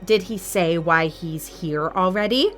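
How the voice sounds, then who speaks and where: In an audio drama, a woman plays a commanding female arena master with a low-pitched voice. She speaks unhurriedly, formally and in a clipped way, with a cold, suspicious, ruthless edge and a terse, irritated mood. Soft music runs underneath.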